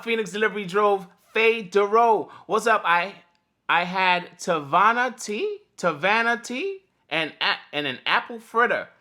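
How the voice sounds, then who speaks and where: A man's voice: sits high, sharp tone. Chatty man hosting a morning livestream. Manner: chatty, greets viewers by name, laughs often. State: slightly cracked voice. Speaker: host of a morning livestream for delivery drivers. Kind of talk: casual livestream chat.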